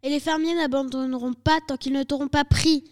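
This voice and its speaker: A woman voicing a worried, gloomy old male badger in a storybook reading, speaking in a lowered, fretful voice. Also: fairly even intonation, a little fast, a little mellow, lightly acted. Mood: grim.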